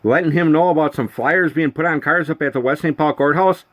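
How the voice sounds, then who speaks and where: Exasperated, a man rants accusingly to camera at someone who isn't there, swearing and repeating himself in rhetorical questions. His voice is fairly high and fairly quick.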